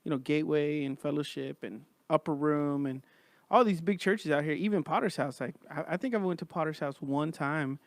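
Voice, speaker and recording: A man hosts a podcast in casual, buddy-to-buddy talk. His voice sits a little high for a man and is recorded dry, with no room sound around it. He speaks informally, like he's chatting with close friends. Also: brisk, dry recording. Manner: informal, says man and bro often. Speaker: podcast host. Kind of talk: casual chat.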